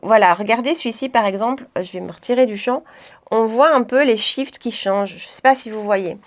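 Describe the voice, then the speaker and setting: A woman's voice: on the high side, a little fast. A woman chatting through a makeup tutorial, laughing often and correcting herself as she goes. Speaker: beauty vlogger.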